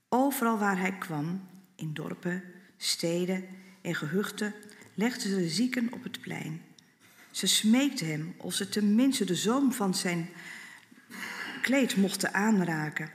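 Woman reading scripture in an echoey hall. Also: on the low side. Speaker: scripture reader.

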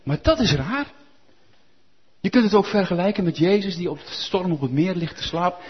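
A man preaching a sermon, animated and firing rhetorical questions at the congregation. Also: high-pitched, moderate pace, breathy edge, muffled recording.

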